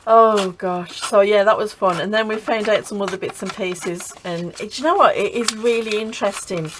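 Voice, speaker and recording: A woman's voice: medium pitch, moderate pace, poor audio. This is a middle-aged woman, chatting casually about her crafts and family. She laughs a lot, trails off and starts over, and her voice sits in a middle register. A faint hiss runs under the recording. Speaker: craft channel host.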